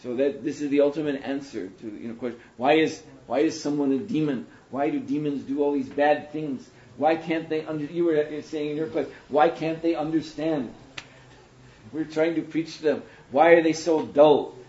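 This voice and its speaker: A man giving a sermon to an audience, telling stories in an animated way, now and then laughing. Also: a little high, normal speed. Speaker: monk lecturer. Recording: dull roomy lecture recording.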